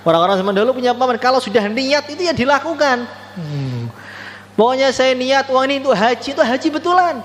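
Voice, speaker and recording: A man preaching a storytelling sermon, animated and playful, voicing the people in his story and joking with the audience. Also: extremely high pitch, quick pace. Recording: echoey hall with faint hum.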